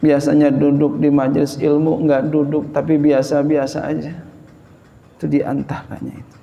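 Guy preaching a sermon, kinda high but mellow voice, quotes scripture then explains it simple, big echoey hall. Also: monotone, normal speed, gravelly, muffled recording. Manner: conversational preaching, quoting scripture and explaining it plainly. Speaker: Islamic preacher. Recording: long hall reverb with faint background noise.

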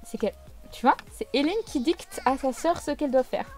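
A woman's voice: high voice, moderate pace, mellow, soft background music. A woman giving casual, chatty gameplay commentary with a playfully teasing manner. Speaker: video game let's player.

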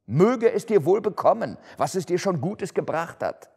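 A man's voice: mid-range voice, expressive, moderate pace, husky. A man voicing a grumpy, miserly old man who snaps harshly at his cheerful relative. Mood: scornful. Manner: harsh, snapping. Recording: long hall reverb.

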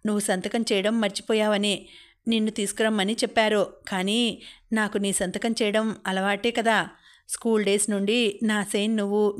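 A woman voicing a young man in an audiobook, talking calmly and pleading with the woman he loves. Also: medium pitch, close to an everyday voice.

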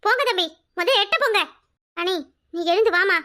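A woman's voice: very high-pitched, normal speed, pushed and bright. A woman voicing an older cartoon mother who is shocked and scolds her son. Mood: shocked scolding.

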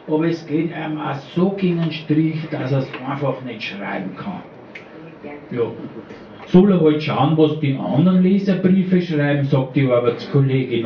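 A man's voice: a little high, a little hiss or hum. A man performing a dialect poem at a slam, telling it with dry wit. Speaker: slam poet. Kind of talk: dialect poetry reading. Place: small bar at a live poetry slam. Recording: roomy, distant, dull live recording.

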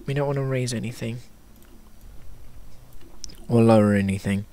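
A man's voice: medium pitch, normal speed, warm tone, slight background noise. Man with hiccups, thinking aloud. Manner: thinking aloud, stop-start, self-correcting. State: has hiccups. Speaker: animation tutorial maker. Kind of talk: casual screen-recorded tutorial.

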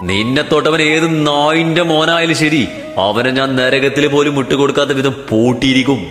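A man's voice: medium pitch, normal speed, fairly bright tone, faint music behind, lightly acted. A man voicing a young man torn between grief and rage, crying out with a trembling voice, in an echoey room. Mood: menacing. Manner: cries out, voice trembling. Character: young man, enraged, grief-stricken lover. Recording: echoey room with long reverb.

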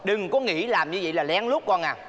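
A man's voice: high-pitched, lively intonation, fairly quick, fairly bright tone, slight background noise. An actor playing a fussy, dramatic middle-aged mother who nags her daughter, in a stage comedy sketch. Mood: coaxing. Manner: exaggerated nagging, theatrical complaints.

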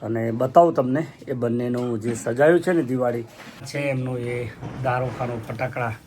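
A man's voice: medium pitch, normal speed, a little mellow. A man narrating a casual festive vlog into a phone camera, chatting directly to his viewers. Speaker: vlogger. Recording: street and traffic noise.

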